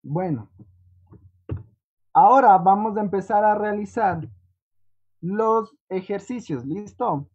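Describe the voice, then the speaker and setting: A teacher patiently walking students through an online lesson, often checking in with a quick "¿sí?". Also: medium pitch, a little mellow, slightly rough. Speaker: English teacher. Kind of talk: online class walkthrough. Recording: dull lo-fi online class audio.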